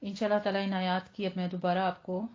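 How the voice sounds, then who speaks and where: A woman teaching a Quran recitation lesson. She patiently explains each pronunciation rule and then slowly recites the Arabic words herself. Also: medium pitch, level tone, darkish tone, highs cut off. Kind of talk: online tajweed lesson.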